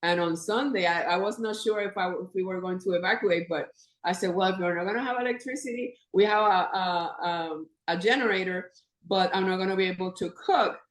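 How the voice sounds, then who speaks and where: A woman's voice: lowish voice, a little fast. Woman in her fifties, from Puerto Rico. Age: 50s. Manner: animated, laughs often, restarts sentences. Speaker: podcast guest. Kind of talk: casual conversation. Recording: echoey room.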